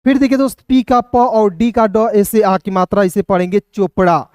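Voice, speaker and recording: An online teacher giving a reading lesson, spelling words out letter by letter and then reading each one slowly. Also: mid-range voice, steady tone, a little mellow, no room sound, studio quality. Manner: keeps addressing viewers as friends, asks and answers own questions.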